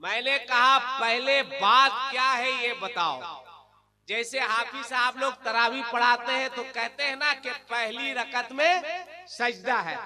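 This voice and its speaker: A man preaching a religious sermon at a large gathering. He sings verses in a ringing chant and then drops into joking asides. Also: very high voice. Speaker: qari and preacher. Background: crowd.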